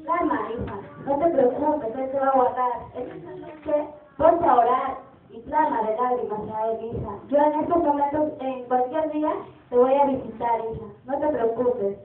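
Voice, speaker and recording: A young woman in an amateur church play, acting a female pastor who calms and comforts a distressed mother. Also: high-pitched, moderate pace, a little hiss or hum, close to an everyday voice. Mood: soothing. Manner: soothing, consoling. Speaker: church youth actor. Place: church hall. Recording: distant, echoey, tinny.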